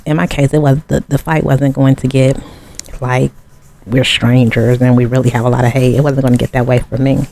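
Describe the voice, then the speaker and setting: A man's voice: medium pitch, creaky, a little mellow. A man giving a tarot reading in a casual, rambling way, often turning to the viewer with asides. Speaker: tarot reader. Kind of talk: casual chat.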